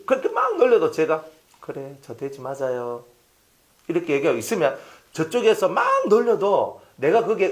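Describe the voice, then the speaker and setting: A middle-aged man preaching a sermon as pastor, acting out taunts and replies in an animated way. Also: on the high side.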